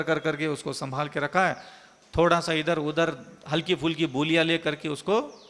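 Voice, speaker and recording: A man's voice: a little high, sharp tone, in a large hall. A man, a monk, giving an emphatic, repetitive sermon full of rhetorical questions. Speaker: Jain monk giving a discourse.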